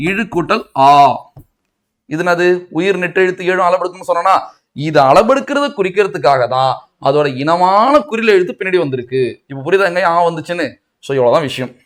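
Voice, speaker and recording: Tamil Nadu male tutor, high voice, quizzes himself through each point. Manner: asks and answers his own questions, mixing in English words. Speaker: Tamil grammar teacher. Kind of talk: exam coaching lecture.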